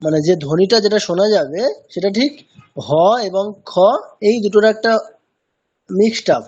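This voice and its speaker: A man's voice: sits high, lively intonation, moderate pace, breathy edge, lo-fi sound. A man teaching a pronunciation lesson in an online class, patiently repeating sounds to demonstrate them. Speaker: chanting teacher.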